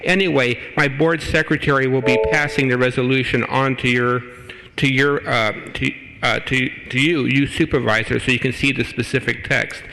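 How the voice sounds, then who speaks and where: A man who volunteers as an advocate speaks during public comment. His voice is bright and forward at a middle pitch, and he is earnest and persuasive. It rings in a large hall. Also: steady tone, moderate pace, vocal fry, slight background noise. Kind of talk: public comment at a city board meeting. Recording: long hall reverb.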